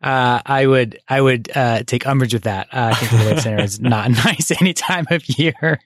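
A man's voice: mid-range voice, moderate pace, dry recording. A man co-hosting a casual podcast in an easygoing, friendly way. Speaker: podcast co-host. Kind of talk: casual chat.

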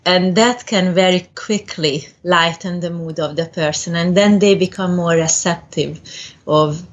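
A woman of around forty from Hungary, with a Hungarian accent, answering as an interview guest in a gentle, thoughtful way with pauses. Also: lowish voice, lo-fi sound. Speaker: guest spiritual medium.

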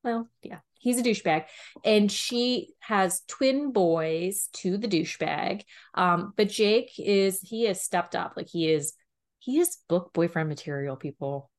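Co-hosting a romance book review podcast, this mid-range-voiced woman from Pennsylvania keeps the casual conversation lively, sprinkling in "like" nonstop and breaking into quick laughs.

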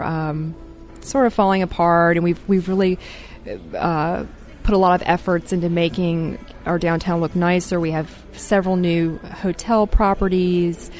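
A woman's voice: lowish voice, a little mellow. A woman guest on a radio travel interview, talking enthusiastically with many fillers and restarts. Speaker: tourism representative guest.

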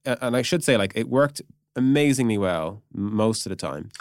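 Guesting on a podcast, a product executive explains things informally, full of filler like "like" and "you know". His voice is on the low side, animated and a little fast, recorded in a clean studio with no echo.

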